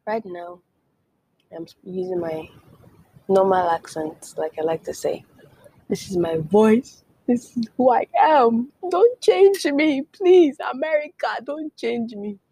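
On her solo podcast, a young woman from Nigeria talks casually, dropping many "like"s and slipping into playful whispers. She has a mid-range, darkish voice, and the audio is poor, with no room sound at all.

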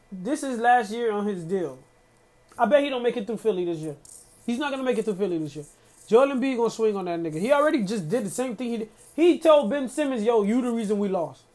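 A man hosting a casual solo podcast, ranting in a heated, profane way with lots of slang and fillers. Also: sits high. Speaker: podcast host.

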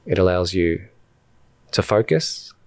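His voice sits low, with no room sound, as he leads a guided meditation for his podcast. He keeps it calm and deliberate, using short phrases and long pauses.

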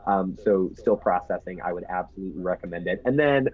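A man's voice: low-pitched, fairly quick, highs cut off. A man talking as a podcast guest in casual, upbeat, reflective conversation.

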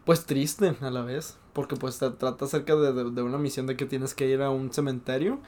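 A man's voice: mid-range voice, steady tone, normal speed, warm tone. Stammering young Mexican man rambling. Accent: Mexican Spanish. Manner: rambling, stammers and repeats words often. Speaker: podcast co-host. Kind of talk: casual chat.

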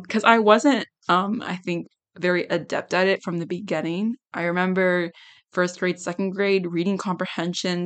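A young adult woman hosting a casual solo podcast, giggly and rambling, with a slightly hoarse, worn-out voice. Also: fairly low pitch, a bit bright. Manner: giggly, rambling, self-deprecating. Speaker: podcast host.

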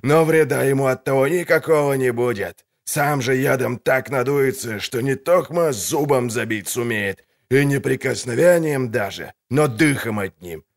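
Male narrator doing a boastful pockmarked showman, gravelly and barking, for a storybook reading. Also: mid-range voice, normal speed, few pauses, voice pushed up, lightly acted. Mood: hawking. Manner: barking, folksy huckster patter. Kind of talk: audiobook character voice.

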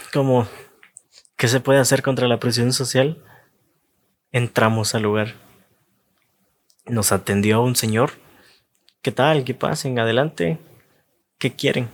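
A man telling an anecdote in short phrases with pauses, acting out the voices of the people in it. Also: medium pitch. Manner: acts out the voices of people in his story. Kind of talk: storytelling anecdote.

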